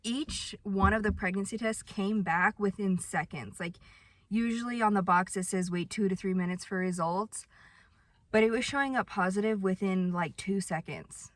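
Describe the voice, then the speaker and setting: A woman's voice: mid-range voice, normal speed, fairly bright tone, no echo. A young woman chatting casually to her viewers, telling a personal story with lots of "like" and some self-mockery. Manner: chatty, sprinkled with "like", self-mocking. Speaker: vlogger.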